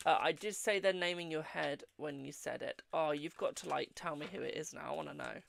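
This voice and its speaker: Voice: mid-range voice, brisk, gravelly, fairly bright tone. A British fortune teller chatting casually with viewers on a live stream and giving readings, addressing them as darling.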